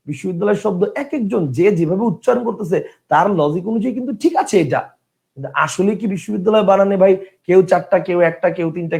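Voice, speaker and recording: A man's voice: high voice, gravelly. A man teaching a live online grammar lesson, asking questions and answering them himself.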